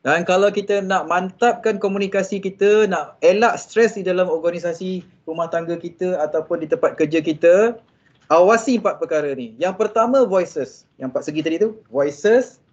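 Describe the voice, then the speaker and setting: A Malaysian man giving an animated religious motivational talk to civil servants, mixing in English phrases and speaking straight to the audience. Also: high-pitched, moderate pace. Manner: animated, mixes English phrases, often addresses audience directly. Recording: dull lo-fi sound.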